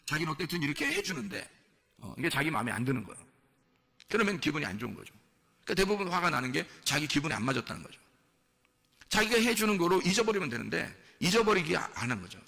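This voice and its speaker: Gravelly, lively-voiced male preacher. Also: fairly high pitch. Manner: repetitive, asks the congregation questions; conversational preaching with many fillers. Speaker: pastor. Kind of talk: sermon.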